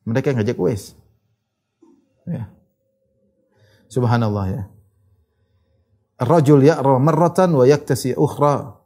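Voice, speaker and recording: A man giving a religious lecture, reciting Arabic narrations and retelling them in a lively storytelling way. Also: mid-range voice. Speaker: Islamic preacher.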